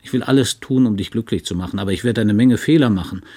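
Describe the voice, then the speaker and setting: A man voicing an earnest middle-aged husband in an audiobook reading, speaking softly and haltingly, with sincere pleading. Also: lowish voice, lightly acted. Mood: gentle.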